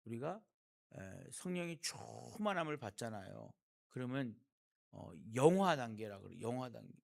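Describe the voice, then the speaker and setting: A man's voice: medium pitch, big pitch swings, moderate pace, gravelly, darkish tone. A male pastor from South Korea giving a sermon, talking with the congregation and asking them rhetorical questions.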